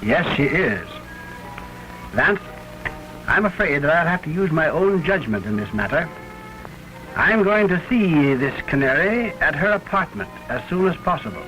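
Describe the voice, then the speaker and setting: Determined banker father, early talkie style: fairly high voice, formal diction, old film sound, faint music. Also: sing-song, unhurried, bright, forceful tone, full character voice. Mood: genial. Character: dignified, determined middle-aged father, a wealthy banker. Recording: crackly 1929 film soundtrack.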